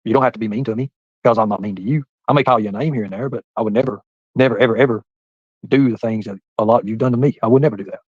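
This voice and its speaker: A man's voice: medium pitch, racing, darkish tone, breathy edge, dry recording, highs cut off. A man in his forties chatting on a live stream, rambling and talking straight to his viewers by name. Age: 40s. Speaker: livestreamer reading chat. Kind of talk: casual live-stream chat.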